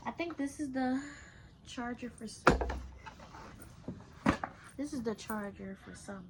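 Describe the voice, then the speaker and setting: A young woman unboxing gear in a casual vlog, excitable and chatty, talking straight to her viewers. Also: fairly high pitch, unhurried, heavy background noise. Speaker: beginner content creator.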